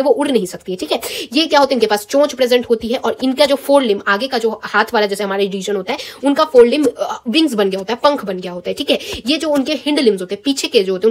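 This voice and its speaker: A young woman teaching a biology lesson online, quick and jokey, asking rhetorical questions and giving memory tricks. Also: a little high. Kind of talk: online exam-prep lesson.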